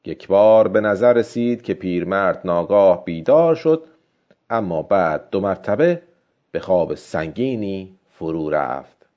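A man reading a story aloud as an audiobook narrator in a measured, expressive way. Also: low voice, dull audio.

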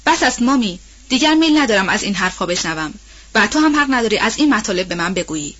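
A woman doing a shocked, gentle young lady. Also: very animated, muffled recording. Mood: dismayed. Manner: pleading, higher and louder. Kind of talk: audiobook role-play reading.

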